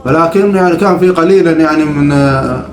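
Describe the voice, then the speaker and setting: A man's voice: a little high, fast talker, reverberant, faint music behind. A man with a Gulf Arabic accent giving casual commentary on his gameplay, often repeating short catchphrases. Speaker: gaming video host.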